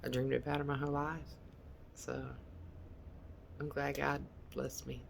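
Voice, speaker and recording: A woman's voice: very deep voice, a little slow, vocal fry, a little hiss or hum. A middle-aged woman speaking candidly and emotionally into her phone at home, as a confessional vlogger. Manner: emotional, swinging between animated venting and tearfulness. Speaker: vlogger and mother. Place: living room of a small house.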